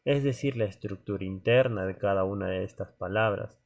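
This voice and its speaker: A man's voice: on the low side, a little fast. A male teacher lecturing students informally, checking in with frequent tag questions and fillers and speaking to them directly. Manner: conversational, many "¿no?" tags and fillers; addresses students directly as "joven".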